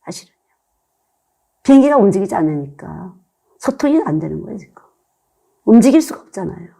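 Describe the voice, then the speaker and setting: Older woman, missionary preacher; earnest conversational sermon delivery, warm dark tone with some fry. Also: mid-range voice, very animated, a little fast. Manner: earnest, conversational preaching full of rhetorical questions.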